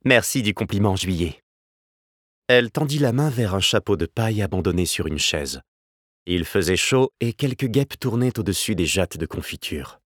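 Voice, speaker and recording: A man narrates a novel in a measured, steady reading. His voice sits low, and the recording is close and dry with no room sound. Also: no echo.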